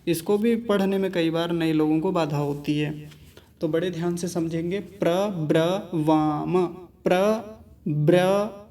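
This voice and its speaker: A man teaching the pronunciation of a Vedic mantra, explaining each word and then repeating its syllables slowly and deliberately. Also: fairly high pitch, steady tone, dark tone. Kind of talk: slow, careful pronunciation lesson.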